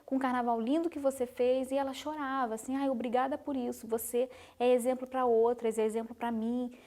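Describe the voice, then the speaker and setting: A woman's voice: high-pitched, a little mellow. A woman from Brazil, a guest in an interview, telling her story in an earnest, reflective way. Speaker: guest, carnival designer. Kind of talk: interview conversation.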